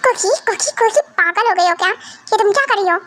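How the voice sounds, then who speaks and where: A woman's voice: extremely high pitch, brisk, pushed and bright, slight background noise. A woman voicing a cold, bossy young mafia husband who gives curt orders in an amateur fan dub. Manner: curt, commanding, dismissive.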